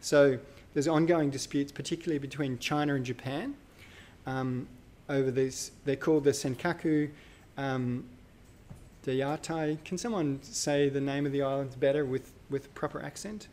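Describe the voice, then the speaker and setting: A man lectures live at a university with a medium-pitched, darkish voice at a moderate pace. His manner is conversational, and he thinks out loud, using fillers and correcting himself.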